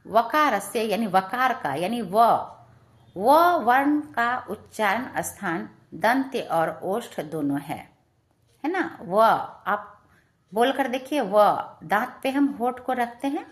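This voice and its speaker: Slow, high-voiced woman teaching. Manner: patient, repeats questions and answers, often asks "है ना". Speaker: Sanskrit grammar teacher. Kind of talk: classroom lesson explaining to students.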